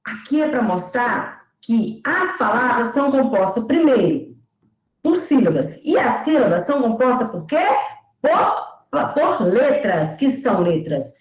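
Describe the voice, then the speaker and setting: A woman lecturer giving an online teaching lesson, explaining slowly and sounding out words syllable by syllable. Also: a little high, very animated, echoey room, low-quality recording. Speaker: pedagogy lecturer.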